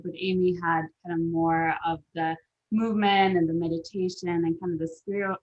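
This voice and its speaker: A woman from Denmark speaks as a guest over a video call, circling her points with many hesitant fillers. Her voice is a bit low, and the call audio comes through dull and lo-fi. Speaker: guest, deck co-creator. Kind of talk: casual video-call interview.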